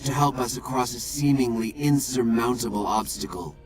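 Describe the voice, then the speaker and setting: Solemn ghoul prophet Jason Bright, played by a man, music behind. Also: mid-range voice, lightly acted. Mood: solemn, grave. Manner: solemn, measured, formal preacher-like phrasing. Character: serene, devout glowing ghoul prophet leading a flock. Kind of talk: video game character dialogue. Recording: game audio with music behind.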